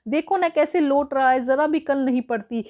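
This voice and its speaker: A woman teacher voicing a worried mother, anxious and soothing, high voice, school play reading. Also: normal speed, a little mellow, lo-fi sound, natural voice. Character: worried mother fussing over her sick son.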